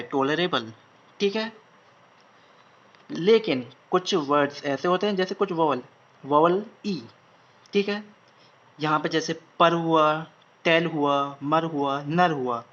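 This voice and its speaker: A shorthand instructor gives an online lesson, his voice a little high and fairly bright. He repeats each word several times as he writes it out, captured in a dull lo-fi recording.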